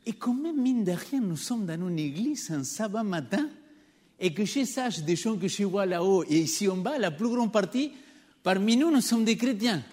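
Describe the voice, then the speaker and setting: Speaking with a noticeable non-native French accent, a man preaches to his church congregation and draws them in with rhetorical questions. His voice sits high with lively intonation, a moderate pace, and a darkish tone, and the church hall adds long reverb.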